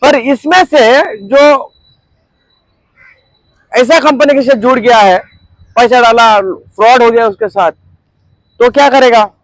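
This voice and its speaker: A man's voice: very high voice, slow pace, long pauses, no room sound, low-quality recording. A man leads a network marketing seminar, constantly quizzing his audience and drawing call-and-response answers. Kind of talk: interactive seminar talk. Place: training room with a group audience.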